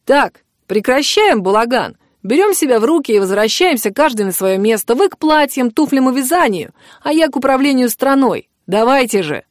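A woman's voice: a little high, lively intonation, moderate pace, few pauses, darkish tone, dry recording, studio quality, close to an everyday voice. A woman voicing a brash, arrogant young prince in an audiobook, teasing and giving orders. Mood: commanding. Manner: teasing, commanding.

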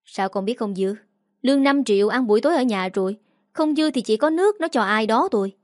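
A woman's voice: on the high side, animated, fairly quick, dry recording, studio quality, lightly acted. A woman voicing a scolding, sarcastic middle-aged mother-in-law in a read story. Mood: scornful.

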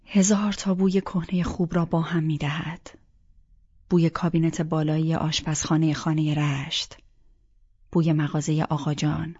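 A woman reading a first-person audiobook in a soft, intimate voice that often sinks to a half-whisper, on a dull lo-fi recording. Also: sits low, flat delivery, breathy edge. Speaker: audiobook narrator. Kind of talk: first-person scripted narration.

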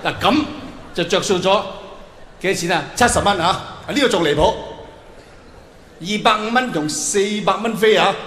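Speaking at a moderate pace with frequent pauses, the comedian's high, slightly bright voice fills a large indoor arena. The middle-aged Hong Kong man keeps his Cantonese set chatty and colloquial, asking the crowd questions through a noisy PA with long reverb.

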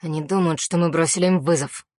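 A man's voice: fairly high pitch, fairly even intonation, quick pace, dry recording, clean studio sound, pitched above the performer's own voice, close to an everyday voice. A man voicing a hot-tempered young orc warrior woman who hisses her words sharply, in an audiobook. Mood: fierce. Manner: hissing, sharp. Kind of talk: audiobook narration.

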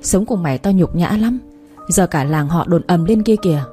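Lady doing a drunk angry old village guy, cursing, low dark voice, music behind. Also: normal speed, close to an everyday voice. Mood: raging. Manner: shouting, cursing. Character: drunken abusive older village man.

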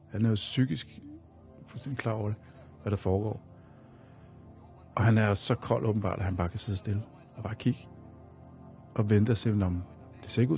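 A man's voice: on the low side, gravelly, dark tone. A man telling a personal story as a radio guest, in a rambling, repetitive way. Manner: rambling and repetitive, leaning on fillers.

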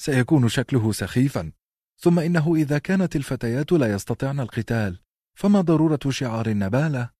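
A man's voice: medium pitch, lively intonation, quick pace, mellow, dry recording, studio quality, voice pushed up, natural voice. A man voicing a proud, defiant young girl in an audiobook, lifting his voice to sound girlish. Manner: raised, spirited girlish voice.

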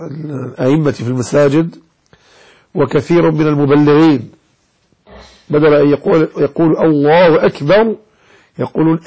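A man's voice: mid-range voice, vocal fry, mellow, husky, rough recording. A man teaching a religious lesson, explaining a legal text and demonstrating how words should be pronounced, with a Moroccan Arabic accent. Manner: explanatory, demonstrates pronunciations, addresses listeners directly. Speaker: sheikh teaching Maliki jurisprudence.

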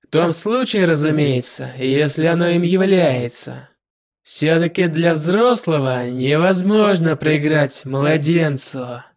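A man voicing a smug, menacing male demon lord with a dry voice, speaking slowly and in a drawn-out way. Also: fairly high pitch. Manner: slow, drawn-out, self-satisfied delivery.

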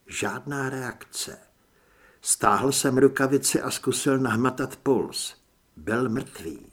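Husky male audiobook narrator. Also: medium pitch. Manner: dramatic first-person reading with acted dialogue. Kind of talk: scripted narration.

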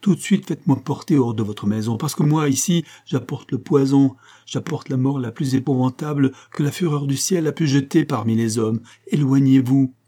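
A man's voice: mid-range voice, moderate pace, mellow, voice pushed up, natural voice. A man voicing a terrified young woman who pleads frantically in an audiobook reading. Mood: frantic pleading.

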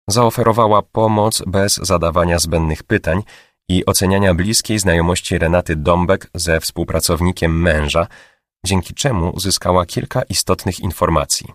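A man calmly narrating an audiobook in a steady reading voice. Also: low-pitched, no room sound, studio quality. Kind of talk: scripted narration.

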